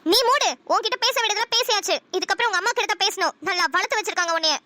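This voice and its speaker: A woman voicing a fiery, sharp-tongued young wife in a cartoon, scolding in a rapid-fire stream. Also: very high voice, dry recording. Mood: angry. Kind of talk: cartoon voice acting.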